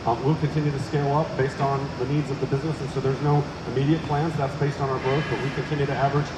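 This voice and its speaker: A man from Oklahoma, a company executive, answering press questions with quick speech full of restarts and fillers. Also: medium pitch, flat delivery. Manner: fast, with many restarts and fillers. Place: inside a large warehouse. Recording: echoey warehouse with loud machine hum.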